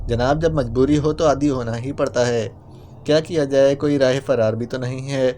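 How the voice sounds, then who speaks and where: A man's voice: medium pitch, steady tone, mellow, slight background noise, lightly acted. A man voicing a playful young male spy who talks in a mock-pitiful, whining way. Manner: whiny, mock-pitiful clowning.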